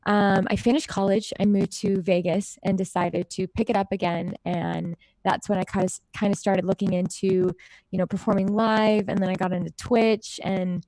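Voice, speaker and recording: This woman's mid-range voice has a flat, dark delivery at normal speed, captured on a rough recording with no room sound. She's an American singer-songwriter, raised in Idaho and Utah, chatting informally and in a friendly way as an interview guest while recounting personal stories.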